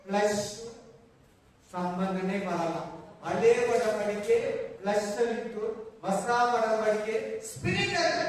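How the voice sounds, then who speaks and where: A man preaching a Sunday sermon as pastor, impassioned and repetitive, with emphatic call-outs and English words mixed into his sentences. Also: high voice. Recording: very echoey church hall, voice from far off.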